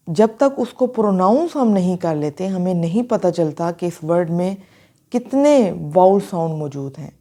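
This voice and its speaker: A woman teaching a phonology lesson, slowly and deliberately spelling out words letter by letter and sounding them out for the class. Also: medium pitch, warm tone. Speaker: English teacher. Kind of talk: explaining a phonology lesson, mixing Hindi and English.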